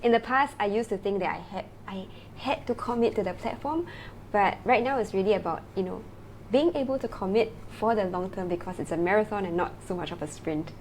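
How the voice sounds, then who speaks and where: A woman's voice: mid-range voice, a little fast, darkish tone, a little hiss or hum, rough recording. A woman from Singapore, a founder talking as a guest in a casual interview, chatty and full of fillers and tag questions.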